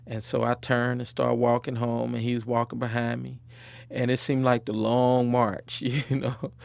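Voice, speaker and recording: A man's voice: mid-range voice, completely flat delivery, moderate pace, gravelly, clean tone. A man being interviewed, recalling his childhood in a reflective way and chuckling now and then. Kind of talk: personal storytelling interview.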